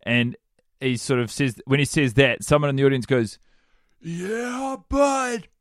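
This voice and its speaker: A man's voice: mid-range voice, fairly even intonation, brisk, clean tone, dry recording, studio quality. Man with a rambling, hesitant delivery. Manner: rambling, hesitant, wry teasing. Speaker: podcast co-host. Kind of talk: casual podcast chat.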